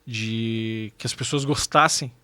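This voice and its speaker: A man's voice: fairly low pitch, steady tone, slow, bright, forceful tone, no echo. A man in his forties with a southern Brazilian accent and slightly tongue-tied diction, chatting emphatically as an interview guest. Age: 40s. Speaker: podcast guest, radio presenter. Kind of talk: casual conversational interview.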